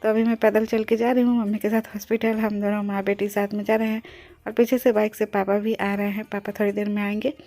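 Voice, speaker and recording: A woman's voice: medium pitch, little pitch movement, fast talker, warm tone, faint music behind. A young pregnant woman near her delivery narrating her day in a chatty vlog, explaining things as she goes and mixing in English words. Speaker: vlogger.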